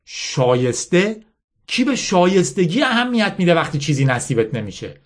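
A man's voice: high-pitched, very animated, pitched above the performer's own voice. A man reading a scornful girl general. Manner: scornful, lecturing, hammering rhetorical questions. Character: bitter teenage girl army general, scornful.

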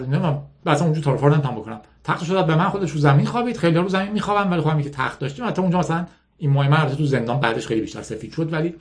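A man from Iran tells personal stories and reads aloud, frank and conversational. His voice sits a little high for a man. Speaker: storyteller. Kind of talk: casual personal storytelling and reading aloud.

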